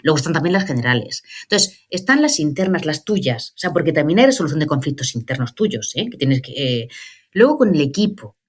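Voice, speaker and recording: Woman, 40s, psychologist guest, chatty, lively, checks in often. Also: deep voice, a little fast, breathy edge. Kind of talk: casual podcast interview.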